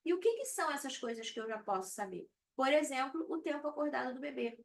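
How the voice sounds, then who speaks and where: A woman's voice: sits high, lively intonation, quick pace, creaky. Woman, 30s, sleep consultant on a live stream, chatty and reassuring, slightly distant mic with faint hiss. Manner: conversational, frequent "tá?" check-ins. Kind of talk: live-stream talk to viewers.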